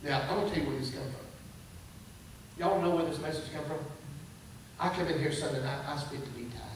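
A man's voice: on the high side, fairly quick, a little hiss or hum. A man, preaching a sermon as pastor, conversational with rising emphatic bursts. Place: church sanctuary. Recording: echoey, distant church recording.

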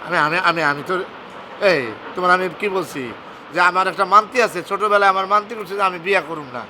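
A flustered stammering boss. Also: male voice, high voice, fairly quick, bright, forceful tone, slight background noise. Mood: pleading. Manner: stammering, pleading, nervous. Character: nervous, flustered boss man trying to escape.

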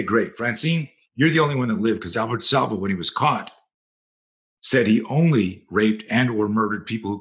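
On a podcast, a self-defense instructor tells blunt, profane and vivid stories in a storytelling interview. His voice is lowish with a slight brightness.

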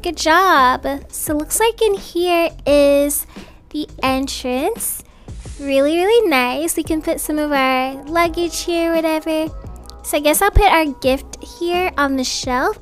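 A woman with a high voice plays an upbeat, chatty young mother in an improvised family roleplay. She sounds casual, reassuring and gushing, with an admiring mood.

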